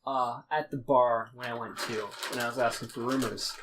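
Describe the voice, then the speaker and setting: A young man tells a tabletop adventure in a loose, rambling way for a podcast. He swears freely and often restarts his sentences, and he slips into quick snatches of the characters' voices as he goes. His pitch sits in an ordinary middle range. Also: level tone, background noise. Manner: acts out characters' lines in snippets. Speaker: podcast host recapping a tabletop game. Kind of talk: casual storytelling recap.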